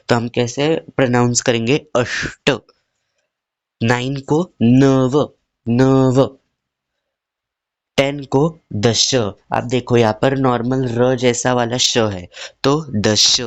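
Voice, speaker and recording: A man leads a lesson for children in a steady, patient way. He asks each question twice and then drags out the answer so the class can repeat it. His talk is unhurried and the sound is dry and close, with no room echo. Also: mid-range voice. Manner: drills with repeated questions and slow, stretched answers. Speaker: teacher.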